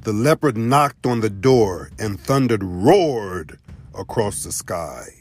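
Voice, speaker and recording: A man narrating a folk tale, telling it in an expressive storybook style. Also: lowish voice, takes it slowly, faint music behind.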